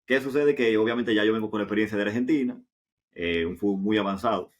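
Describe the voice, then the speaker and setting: A man's voice: on the low side, fast. A man with a Dominican Caribbean Spanish accent tells anecdotes casually as an interview guest, repeating himself and tossing in rhetorical questions. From Dominican Republic. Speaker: interview guest, professional football goalkeeper.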